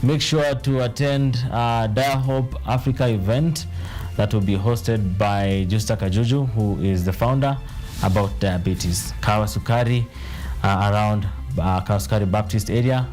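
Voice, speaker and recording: Kenyan male news anchor, low voice. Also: a little mellow, faint music behind. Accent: Kenyan English. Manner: chatty and rambling, with restarts and drawn-out lists. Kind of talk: unscripted sign-off of a news bulletin. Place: TV news studio.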